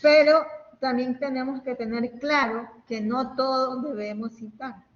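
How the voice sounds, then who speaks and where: Female lecturer, fairly high voice, patient step-by-step delivery; long hall echo, muffled lo-fi line. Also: fairly even intonation, unhurried. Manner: explaining step by step, often checking with "¿ok?" and "¿no?". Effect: echoing, hall-like reverb. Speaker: university lecturer. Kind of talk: online class lecture. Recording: echoey, dull audio with faint hiss.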